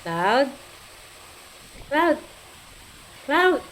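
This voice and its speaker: A woman's voice: high-pitched, very animated, very slow, fairly bright tone, a little hiss or hum, low-quality recording. A woman from the Philippines, feverish and unwell, vlogging at home and coaxing her cat in playful baby-talk with frequent giggles. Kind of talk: casual home vlog talk. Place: at home indoors.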